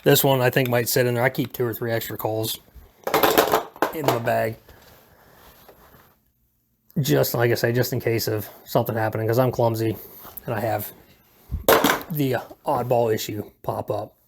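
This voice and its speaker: A man's voice: mid-range voice, steady tone, normal speed, gravelly, pauses often, very noisy. A man giving a casual, unscripted how-to in a hesitant, self-deprecating, laid-back way, rambling as he goes. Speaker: video presenter giving a hobby how-to. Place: indoors at home.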